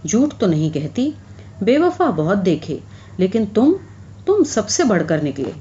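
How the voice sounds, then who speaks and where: A woman's voice: mid-range voice, big pitch swings, dark tone, highs cut off, slight background noise, lightly acted. A woman reading aloud, voicing a hurt young woman who speaks bitterly and reproachfully to a former lover.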